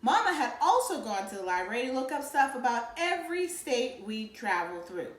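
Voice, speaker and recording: A woman's voice: on the high side, sing-song, brisk. A woman reading a novel aloud to children and explaining it as a teacher. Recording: roomy echo.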